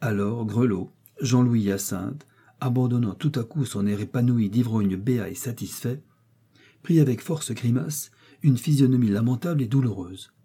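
A man reading a short story aloud in measured audiobook narration. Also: mid-range voice, mellow, husky.

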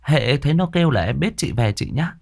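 A man voicing a young servant girl who talks in soft, muttering asides in a spoken ghost story. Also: mid-range voice, lively intonation, brisk, gravelly, voice pushed up. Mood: tender. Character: young servant girl, wry and quietly defiant.

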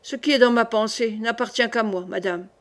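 A woman's voice: medium pitch, level tone, normal speed, lightly acted. A woman voicing an abrupt, nervous young king in an audiobook reading. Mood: curt.

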